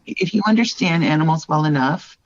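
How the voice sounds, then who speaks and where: A middle-aged wildlife artist from Northern Ontario, Canada, appears as a podcast guest, talking a little fast in a deep voice with lively intonation. Earnest and reflective in this candid interview, she keeps adding "like" and "right?". The audio is dull, with no room sound.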